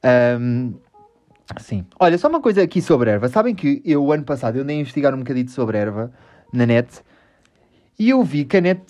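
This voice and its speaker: A man's voice: mid-range voice, big pitch swings, fairly quick, darkish tone. Rambling European Portuguese man hosting a podcast. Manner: rambling, self-mocking, swears often. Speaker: podcast host. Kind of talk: casual podcast monologue.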